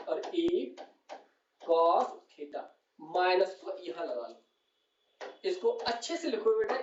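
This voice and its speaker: A man's voice: sits high, slight background noise. A male physics teacher explaining on a whiteboard, who keeps calling his students "beta" and asks and answers his own questions. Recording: distant, roomy and dull classroom recording.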